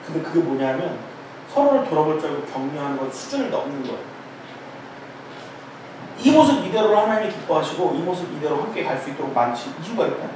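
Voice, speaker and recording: A middle-aged man preaching an informal sermon at a prayer meeting, telling jokes and stories in an animated way and calling himself loud. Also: a little high, fast talker. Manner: animated, joking storytelling, calls himself loud. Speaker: pastor. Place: church sanctuary. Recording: echoey church hall, distant mic, faint noise.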